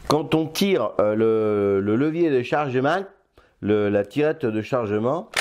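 An older man with a medium-pitched, darkish voice reviews a toy blaster in casual, playful chat, pausing often to hesitate.

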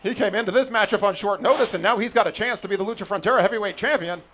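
A man calling a wrestling match as play-by-play commentator, in an energetic, excitable manner. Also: sits high, very fast.

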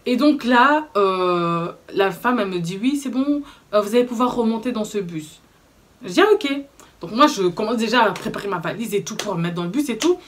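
A young woman with a Belgian French accent, telling a story to camera in casual vlog chat, animated and indignant, with slangy fillers. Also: medium pitch, normal speed. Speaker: vlogger.

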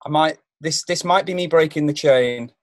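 A young adult man appears as a singer guest on a song game, chatting playfully, rambling, teasing himself, and often tripping over his words. His voice is a little high at a moderate pace, with no room sound.

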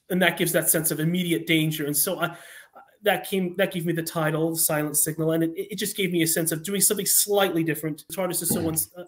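A high-voiced man, a guest writer on an online call, answers interview questions earnestly and in a storytelling way. He often halts mid-phrase and starts over, correcting himself.

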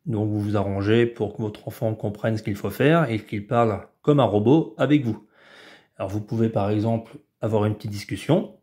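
A man, a preschool teacher, explaining a home activity to parents in a patient, step-by-step way, sometimes stretching words out slowly. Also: on the low side, dark tone. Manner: patient, explanatory, drawn-out syllables when demonstrating. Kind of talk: instructional video for parents.

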